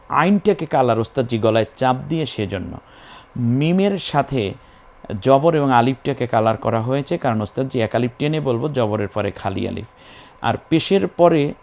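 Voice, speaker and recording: A man's voice: mid-range voice, darkish tone. Man teaching recitation, drawing out syllables. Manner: spells syllables and draws out chanted words slowly. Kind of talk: step-by-step recitation lesson.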